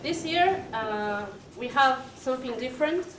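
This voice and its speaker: With a high, expressive voice, a young woman from Argentina talks casually to introduce an art exhibition in a non-native language. She goes slowly, hesitating and leaning on plenty of fillers. A far-off room mic captures her in a busy exhibition hall, so she sounds distant against noisy ambience.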